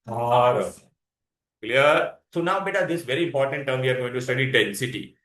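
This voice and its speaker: Bright-voiced Indian man teaching, echoey room. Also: medium pitch, fairly quick. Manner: asks frequent questions, prompting for answers; mixes Hindi words into English. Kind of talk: interactive classroom science lesson. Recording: echoey, roomy sound.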